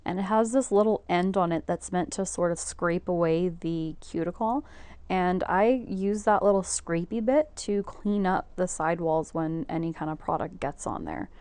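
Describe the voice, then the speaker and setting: A woman talks her way through a nail tutorial in a loose, rambling, chatty manner. Her voice sits on the low side and comes across smooth and clear. The sound is close and dry, with no room around it. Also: moderate pace, dark tone, dry recording. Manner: chatty, rambling, laughs easily. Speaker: nail technician. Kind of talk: casual tutorial narration.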